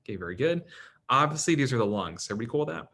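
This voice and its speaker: Man, classroom lecture, casual, quizzing students, mid pitch. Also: very animated, very fast, fairly bright tone. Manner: casual, quizzes students by name, frequent "right?" and "okay?". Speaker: anatomy instructor.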